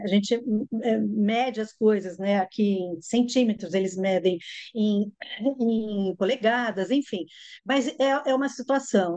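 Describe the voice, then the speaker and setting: A Brazilian English teacher with a carioca accent answers interview questions, explaining things and using frequent fillers. Her voice is mid-range with a darkish tone.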